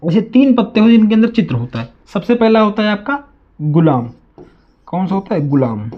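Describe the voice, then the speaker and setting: A man's voice: sits high, sing-song, normal speed, lo-fi sound. A man teaching a maths lesson to students, asking questions and answering them himself, with a lot of repetition. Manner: addresses students as children. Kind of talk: classroom lesson.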